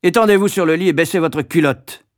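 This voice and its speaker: A man voicing a brutal boarding-school matron who barks orders in a booming voice. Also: animated, quick pace, dry recording, studio quality, lightly acted. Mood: barking. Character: harsh, bullying boarding-school matron, woman.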